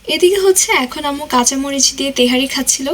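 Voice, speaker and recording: A woman's voice: sits high, fast, a bit bright. A young woman from Bangladesh narrating her family vlog in a chatty way, slipping English phrases into her talk. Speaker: vlogger.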